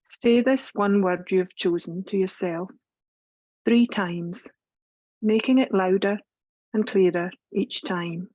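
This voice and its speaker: A female yoga instructor guides a meditation in a mellow, relaxed, medium-pitched voice, giving calm, unhurried instructions. The sound is dry and slightly dull, with no echo.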